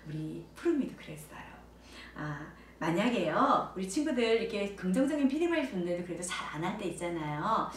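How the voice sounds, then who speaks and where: A woman directing a child training center, explaining parenting methods to camera in an animated way and acting out bright exclamations to children. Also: fairly low pitch, a little fast. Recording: echoey room, voice a bit far from mic, faint background noise.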